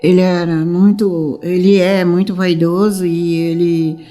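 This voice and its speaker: A woman tells her story in a mellow, warm voice. She rambles, restarts her sentences and acts out the old dialogue. Soft music plays faintly behind her. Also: on the low side, little pitch movement, measured pace. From São Paulo, Brazil. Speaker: mother of a missing teenager. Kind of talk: emotional personal testimony.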